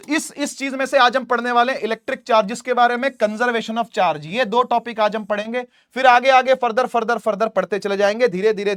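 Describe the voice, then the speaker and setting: A man's voice: very high-pitched, fairly bright tone, smooth, dry recording, studio quality. A man teaching a physics class online, chatty and repetitive, often checking that students follow. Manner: chatty, addresses students as beta, repeats "theek hai".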